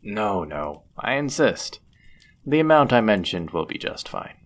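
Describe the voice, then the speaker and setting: A man acts out the part of a courteous medieval innkeeper with a deep voice, performing very animatedly in this intimate roleplay. Gentle and polite in mood and manner, he keeps his pace measured and his wording formal and old-fashioned.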